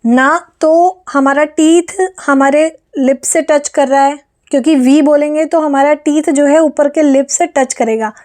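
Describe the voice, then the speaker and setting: A woman teaching an online phonics lesson, slowly sounding out letters and blends. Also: sits high, fairly even intonation, darkish tone. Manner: slow, deliberate sounding out of letters.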